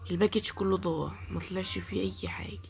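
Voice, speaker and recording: With loud music playing, a woman with an Egyptian accent commentates her gameplay live as a YouTuber, pleading and lamenting her luck with each pack. Her fairly low voice is creaky and fast.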